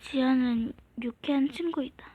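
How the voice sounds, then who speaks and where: A woman gaming creator reading a game's story aloud at home, voicing the characters herself and often slipping into soft whispers. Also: high-pitched, normal speed, breathy edge. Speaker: gaming YouTuber. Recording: dull lo-fi recording.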